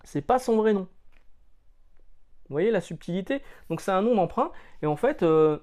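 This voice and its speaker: A fairly high-pitched man from France chats through a comics review in a casual, loose way. He drops slangy jokes and keeps stumbling over small hesitations as he goes. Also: expressive, normal speed, darkish tone. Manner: chatty, many hesitations and fillers.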